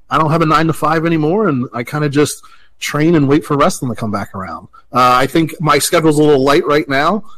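A man in his late thirties, a professional wrestler, talking in a relaxed, chatty way as an interview guest. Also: a little high, poor audio. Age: 30s. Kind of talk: casual interview talk.

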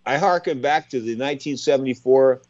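A man in his sixties hosting a radio talk show, chatty and animated as he tells stories and asks questions. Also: mid-range voice, fast, dry recording, highs cut off. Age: 60s.

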